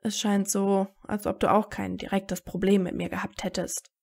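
A woman's voice: medium pitch, flat delivery, normal speed, creaky, a little mellow, husky. A woman voicing a determined teenage wizard hero with a blunt, sarcastic way of talking in a fan audiobook. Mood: blunt, tense.

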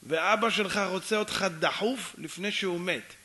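A man's voice: high voice, bright, forceful tone, husky, full character voice. Man as a pushy, insistent stranger. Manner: insistent, nagging.

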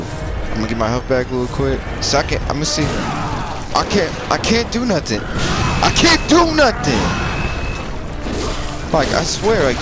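A man giving casual gameplay commentary as a streamer, agitated and frustrated, swearing and rapidly repeating short phrases. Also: mid-range voice. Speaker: gamer streamer.

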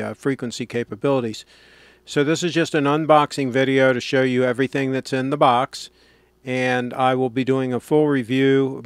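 A man's voice: mid-range voice, no echo. Dry-recorded man reviewing gear. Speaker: product reviewer. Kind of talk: casual product review narration.

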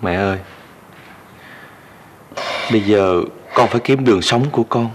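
A man's voice: lowish voice, unhurried, background noise, close to an everyday voice. An actor playing a grown son who pleads with his mother before leaving home for the city, in an emotional TV drama. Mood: pleading. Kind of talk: TV drama acting. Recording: soft music score behind.

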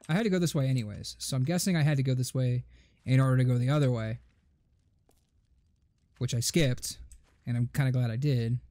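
Faint game music sits behind this young man, whose voice is medium-pitched and dark. He hosts a let's play, giving running commentary that's sarcastic and full of jokes while he plays.

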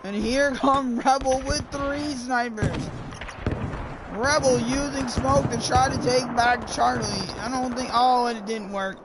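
A commentator casting a live online shooter match, excitable and quick to exclaim at big plays. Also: high-pitched. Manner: excitable, breaks into exclamations and laughter. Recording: background noise with mouse clicks.

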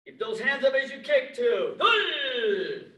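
A male martial arts instructor with a very high, bright voice calls out sharp commands and counts. He projects across a roomy, echoing studio and drops in short bits of praise. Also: very animated, slow. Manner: encouraging, frequent brief praise. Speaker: taekwondo instructor. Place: large indoor martial arts studio with mats and windows. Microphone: distant camera microphone, standing several feet away. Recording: roomy echo, distant microphone.

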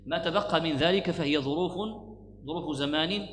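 A male teacher lectures on grammar at an unhurried pace, going back over key words and slowing down when he recites quoted verses. His voice rings through a large hall with a long echo, and a faint hum sits underneath. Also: fairly high pitch. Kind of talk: classroom lecture explaining a grammar poem.

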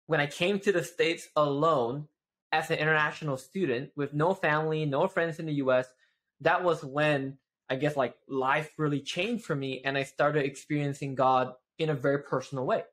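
With a fairly high pitch and a moderate pace, this twenty-something from Malaysia talks casually as a video-call interview guest in a shelved home office. He speaks animatedly, using both hands and sprinkling in lots of "right?"

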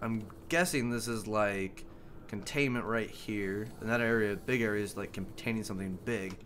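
A man's voice: fairly low pitch, moderate pace, a bit bright, slight background noise. A man giving casual gameplay commentary as host, rambling and joking, swearing often. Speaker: gaming video host.

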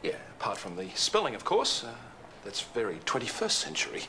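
An actor playing a brisk, businesslike hospital boss and father in a TV soap. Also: mid-range voice, wildly swooping pitch, bright, forceful tone, a little hiss or hum. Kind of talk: TV soap acting.

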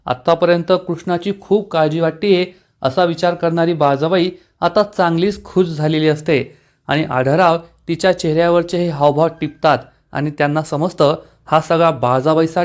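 A man narrating a recap of a TV serial episode in a steady storytelling manner. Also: fairly high pitch.

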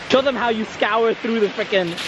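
A man's voice: extremely high pitch, background noise. A man casually hosting a travel vlog outdoors, joking and laughing as he goes. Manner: jokey, laughing, playful. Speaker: travel vlogger.

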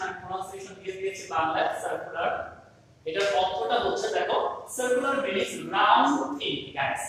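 A man with a high, slightly bright voice teaches an online English class, mixing English and Bengali and going over each point more than once. The recording sounds like an echoey hall, with a distant mic and faint noise.

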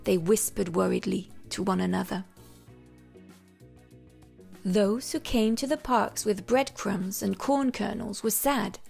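A woman reading a children's picture book aloud in a gentle, expressive storytelling manner. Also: mid-range voice, takes it slowly, vocal fry, long pauses, faint music behind. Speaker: storybook reader.

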